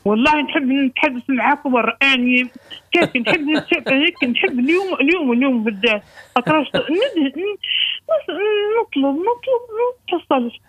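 A woman's voice: sits high, animated, fairly quick, fairly bright tone. A woman in her seventies with a Tunisian accent, a caller reminiscing and rambling with emotion. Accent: Tunisian Arabic. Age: 70s. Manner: rambling, emotional, repeating herself. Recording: dry phone line.

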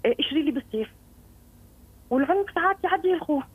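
A woman in her forties speaks in a Tunisian Arabic accent over a tinny phone line. She talks very fast and a little high, breaking off and restarting her sentences as she goes. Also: animated. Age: 40s. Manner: rapid, hesitant, many restarts. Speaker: caller. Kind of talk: phone-in call.

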